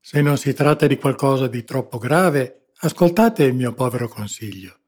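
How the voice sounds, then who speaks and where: A man's voice: mid-range voice, animated, moderate pace, slightly rough. A man reading the part of a simple, good-natured visiting sea captain who speaks earnestly. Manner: earnest and impulsive.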